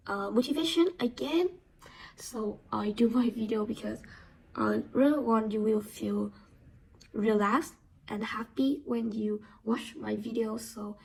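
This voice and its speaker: A young woman from Vietnam talking in simple, halting English with a Vietnamese accent, half-whispered, as a casual vlogger. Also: on the high side, creaky, a little mellow, slightly rough, low-quality recording. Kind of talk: casual vlog talk.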